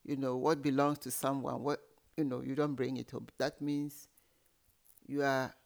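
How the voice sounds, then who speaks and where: A man telling stories from his childhood as an interview guest, explaining in a lively way with many asides. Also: mid-range voice, moderate pace, vocal fry. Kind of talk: storytelling in an interview.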